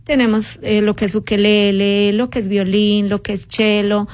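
Female radio guest, clear mid-range voice, explains things patiently and plainly, dry close-mic sound. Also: mid-range voice, normal speed, no room sound. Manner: informative, steady, listing programs. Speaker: guest from a music school. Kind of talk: radio interview.

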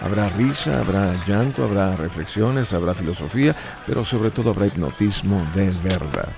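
A man's voice: sits low, expressive, moderate pace, creaky. A man in his fifties, raised in Mexico, talking emphatically and lecturing as a guest in a radio studio. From Chile, raised in Mexico. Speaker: stage hypnotist guest. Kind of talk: radio interview chat.

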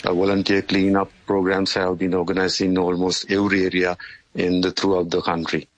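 A male news correspondent giving a measured report, pausing often with fillers. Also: low voice, completely flat delivery, dry recording, low-quality recording. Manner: measured, hesitant with many fillers.

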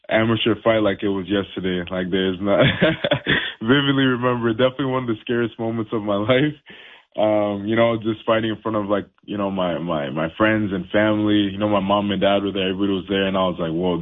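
Young man, boxer, low-pitched, relaxed, filler-heavy, phone line sound. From Canada. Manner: laid-back, many fillers and laughs. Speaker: professional boxer. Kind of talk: casual phone interview.

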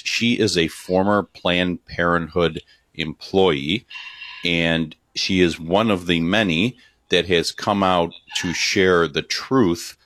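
A man's voice: sits low, fairly bright tone, no echo, clean studio sound. A man co-hosting a podcast, earnestly introducing and questioning his guest. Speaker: podcast co-host. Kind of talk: podcast interview.

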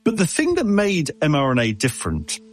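Lively, husky man explaining. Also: a little high, fairly quick, no echo. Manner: lively, explaining with analogies, stumbles and repeats words. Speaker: expert guest. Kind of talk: explanatory interview answers.

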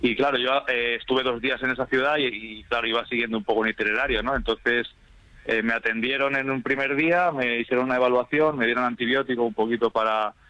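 A man talks as a radio guest in a bright, pushing voice. He hesitates, restarts and tags his points with little questions. The sound is dull and lo-fi, with a dry, close feel. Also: medium pitch, fairly even intonation, fast talker, dry recording. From Spain. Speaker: interviewed guest, teacher. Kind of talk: casual radio interview.

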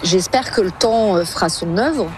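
A woman's voice: mid-range voice, animated, moderate pace. A woman journalist answering interview questions insistently, with many fillers.

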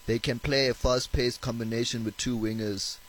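A man speaking as an interpreter, giving a translation voice-over of a player's answers in an even, measured way. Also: mid-range voice, a little hiss or hum, low-quality recording. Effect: translation voice-over of a player's words.

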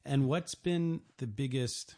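A man interviewing a young guest for a broadcast, asking gentle, encouraging questions. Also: medium pitch, slow. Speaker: radio interviewer.

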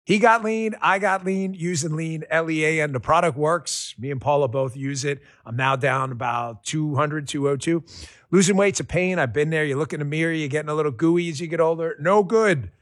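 A man doing a host-read radio ad, animated and punchy, in a personal pitch. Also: moderate pace, no echo, clean studio sound.

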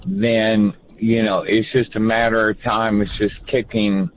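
A man calling in to a radio show, speaking haltingly with many pauses and fillers. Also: fairly low pitch, steady tone, highs cut off, soft background music. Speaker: caller.

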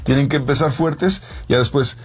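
Male co-host from Mexico, slightly breathy voice, easy conversational delivery. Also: mid-range voice, brisk. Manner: conversational, explains with examples. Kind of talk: casual talk show chat.

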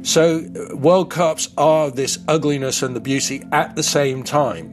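A man's voice: a little high, unhurried, music in the background. Man, 50s, grew up in the Netherlands, interview guest, thoughtful, explanatory.

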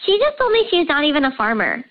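A woman's voice comes through a voice changer that pushes it high and leaves it muffled and lo-fi. She is an anonymous caller telling her story to the hosts. She talks casually and leans on fillers as she goes. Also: wildly swooping pitch, fast talker. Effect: voice changer that disguises her voice. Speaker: anonymous listener calling in to a radio show. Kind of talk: casual on-air confession.

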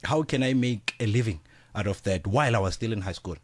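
A man's voice: fairly low pitch, lively intonation, fairly quick, dry recording. A South African man talking as a studio guest in a radio interview, casual and full of fillers, dropping Zulu words into his talk. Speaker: studio guest, business founder.

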